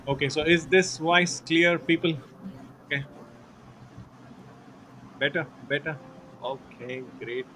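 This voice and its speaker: Bright-voiced male live-stream host. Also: medium pitch, slight background noise. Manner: halting, with many fillers like "you know". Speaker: host of a live online session.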